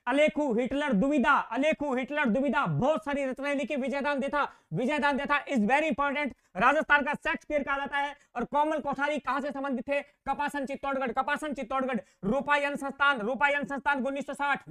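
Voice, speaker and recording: A male teacher with a high, bright, ringing voice runs an exam-prep general knowledge class. He repeats each key term several times and keeps telling students to pay attention. He builds chatty, playful memory tricks as he goes.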